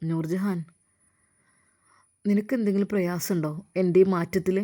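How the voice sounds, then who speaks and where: A woman's voice: fairly low pitch, steady tone, moderate pace, mellow, close to an everyday voice. A woman voicing a remorseful grown man who speaks hesitantly in a subdued way.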